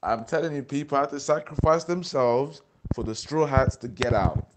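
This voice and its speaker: A young man with a London accent, hosting a casual chat on a voice call, animated and swearing, often talking over his co-host. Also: mid-range voice, normal speed, noisy background. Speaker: podcast host.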